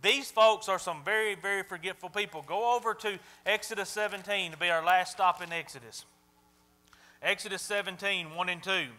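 A man's voice: high voice, normal speed, pushed and bright. A man preaching a sermon to a congregation, emphatic and often stopping to ask the listeners whether they are following. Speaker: pastor.

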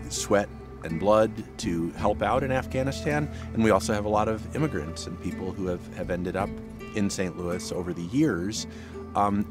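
A middle-aged man, a history professor, speaking thoughtfully with fillers in an outdoor interview. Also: sits low. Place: garden outdoors.

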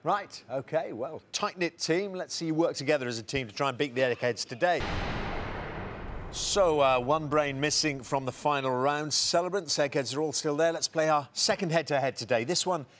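A man hosting a television quiz show in a studio, briskly reading out questions and answer options. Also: fairly high pitch, a bit bright.

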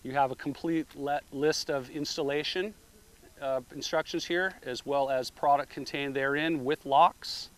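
A man's voice: a little high, steady tone, a little slow. A middle-aged man explaining a roof rack product step by step, recorded outdoors at a beach beside a car on a camera mic. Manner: plain step-by-step instructions. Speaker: product demonstrator. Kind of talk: product demonstration.

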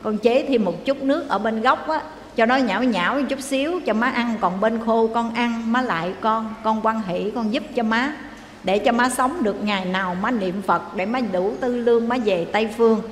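A woman voicing an elderly, aggrieved mother-in-law who pleads softly with her daughter-in-law. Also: a little high, normal speed, a little hiss or hum, lightly acted. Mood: pleading. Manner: pleading, coaxing. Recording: echoey hall, faint ambience.

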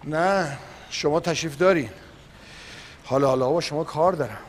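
An actor playing a bossy company owner in a TV series, who argues and shouts angrily. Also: male voice, a little high, long reverb tail, a little hiss or hum, natural voice. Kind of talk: TV series acting.

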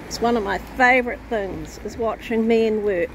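A woman vlogging outdoors while walking her dogs, chatting in an easy, unhurried way to viewers and her pets, recorded on a handheld phone. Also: a little high, slight background noise. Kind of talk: casual walk-and-talk vlog. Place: outdoors on suburban streets. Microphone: phone camera held while walking.

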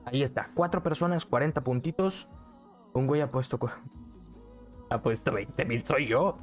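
Young man, casual streamer, repeats himself, faint background music, mid-pitched voice. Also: moderate pace. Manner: chatty, repeats phrases, reads chat aloud. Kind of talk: casual live-stream chat. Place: bedroom streaming setup with neon lights. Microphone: studio mic on arm, headset.

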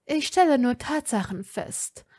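A woman voicing a cold aristocratic father who speaks calmly and measuredly, with quiet threat. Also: sits high, voice pushed up. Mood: cool. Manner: calm, measured, coolly threatening. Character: cold aristocratic older father, calm and controlled.

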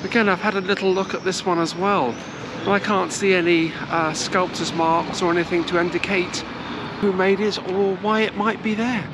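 This travel vlogger, a middle-aged woman, speaks in a lowish, steady voice at normal speed with hardly any pauses. She films her walking tour with the camera at arm's length, talking chattily and wandering off topic, often hesitating. The setting is sunny city squares and streets outdoors, with street noise and traffic audible.

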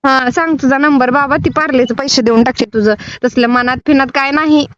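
High-pitched cheeky Marathwada woman. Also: steady tone, a little fast, fairly bright tone, dry recording, lo-fi sound. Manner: cheeky, scolding retorts. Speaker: prank caller, vlogger. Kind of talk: casual bantering prank call.

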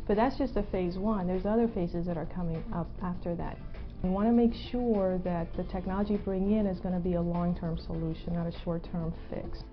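A woman in her forties, an IT director speaking in a measured, businesslike way in a corporate testimonial interview, filmed in a studio. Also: on the low side, fairly even intonation. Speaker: stadium IT director. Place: indoor studio before a logo backdrop. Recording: slightly dull audio with faint music.

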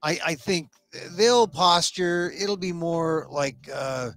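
On the high side and a bit bright, an American man in his sixties takes it slowly as he hosts a casual, opinionated online talk show. He uses a headset mic in a small indoor room, rambling and restarting his thoughts as he goes.

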